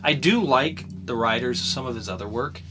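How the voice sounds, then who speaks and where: In a noisy setting, a young male co-host chats casually about comics on a podcast, reviewing them while rambling and restarting with lots of filler words. His pitch is medium and his speech runs a little fast.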